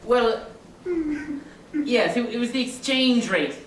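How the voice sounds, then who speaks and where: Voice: mid-range voice, slow pace, natural voice. A sly, boastful little leprechaun, put on by a performer, talking in a playful lilt on a comedy interview. His voice sounds distant in an echoey room with faint noise behind it. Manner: cheeky, sly, rambling, fond of wordplay. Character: boastful mischievous little male Irish leprechaun. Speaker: interview guest.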